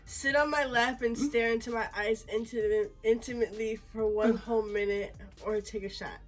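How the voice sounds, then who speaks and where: A woman's voice: fairly high pitch, steady tone, moderate pace, soft background music. A young woman, tipsy and sassy, chatting in a slangy, giggly way as in a casual makeup vlog. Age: young adult.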